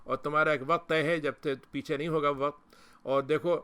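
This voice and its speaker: Bright clear-voiced man teaching scripture. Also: a little high, steady tone. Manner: retells scripture and quotes Arabic verses, with frequent restarts. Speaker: Islamic scholar and lecturer. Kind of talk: Quran commentary lecture.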